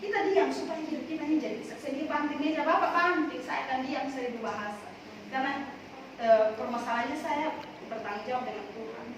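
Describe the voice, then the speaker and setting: A woman with a high voice preaches a sermon full of personal testimony, her emphasis rising and falling. She is heard from a distance in a very echoey prayer hall, with clear background noise. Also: brisk. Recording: echoey hall, from far off, noisy.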